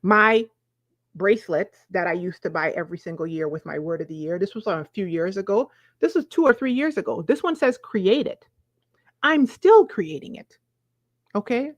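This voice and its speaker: A woman's voice: mid-range voice, expressive, moderate pace, no echo. A woman in her forties with a Virgin Islands accent, giving an emphatic, conversational motivational talk to viewers, often checking in with short questions. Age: 40s. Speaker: self-help coach.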